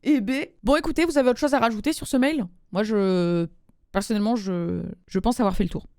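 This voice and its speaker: A woman's voice: mid-range voice, a little fast, darkish tone, dry recording, studio quality. A young woman hosting a casual advice podcast, talking in loose slang and laughing easily. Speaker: podcast host giving love advice. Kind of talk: casual group podcast chat.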